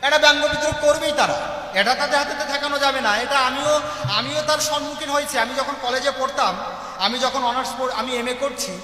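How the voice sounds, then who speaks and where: High-voiced impassioned man preaching. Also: brisk, sharp tone. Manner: impassioned, addresses listeners as mother. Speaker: Matua preacher. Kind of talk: devotional sermon storytelling. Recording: echoey hall.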